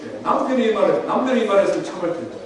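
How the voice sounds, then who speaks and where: A man's voice: sits high, sing-song, very fast, crowd noise. A man preaching a sermon, animatedly acting out the voices of the people he quotes. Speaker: pastor. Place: church sanctuary. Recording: very echoey church hall, distant mic, faint hiss.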